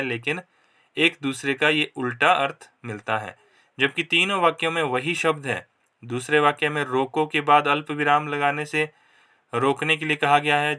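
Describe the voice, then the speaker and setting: A man giving a recorded lecture, reading rules slowly and then explaining them casually with pauses and fillers. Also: medium pitch, bright, forceful tone, smooth. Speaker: teacher. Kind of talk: classroom lecture, mixing Hindi and English.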